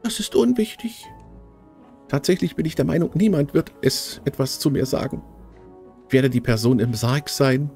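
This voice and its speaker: A man voicing a melancholy young noblewoman in a game, reading in a halting, stilted way. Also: fairly high pitch, gravelly, darkish tone, soft background music. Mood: gloomy.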